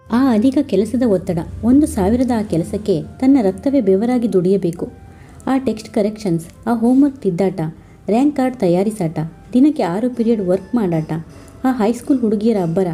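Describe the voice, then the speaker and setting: A woman storyteller reading a family story aloud in a steady, scripted narration. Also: mid-range voice, moderate pace, husky, soft background music.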